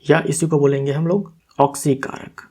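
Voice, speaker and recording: A man's voice: on the high side, flat delivery, moderate pace, mellow, breathy edge. A man teaching as an exam-prep tutor, walking step by step through quiz answers, asking questions and answering them himself. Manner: corrects himself aloud.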